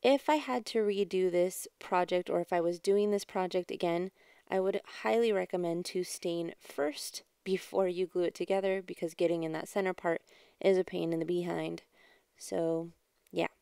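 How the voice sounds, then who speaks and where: A woman's voice: fairly low pitch, steady tone, normal speed, vocal fry, clean tone, no room sound, clean studio sound. A woman hosting a craft channel, chatting through a DIY tutorial in a voice-over recorded at home. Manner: chatty, explaining step by step; quiet, subdued delivery. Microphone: home voice-over mic.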